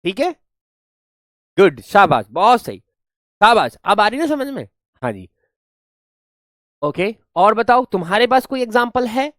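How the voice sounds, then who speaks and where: A man's voice: high-pitched, measured pace, long pauses, dry recording, clean studio sound. A man teaching a grammar lesson, encouraging the class, repeating sounds again and again and praising answers. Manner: lively, encouraging, drills sounds by repeating them.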